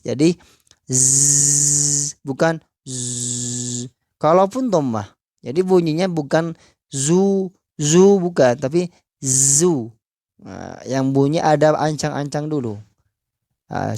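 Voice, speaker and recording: A man's voice: mid-range voice, darkish tone, dry recording, clean studio sound. A man teaching Quran recitation in a pronunciation lesson, patiently demonstrating sounds with repeated drills.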